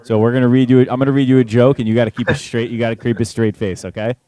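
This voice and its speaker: A man's voice: medium pitch, flat delivery, rapid-fire, mellow. A young man co-hosting a podcast in casual chat, laid-back and peppering his talk with "like" and "dude". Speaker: podcast co-host.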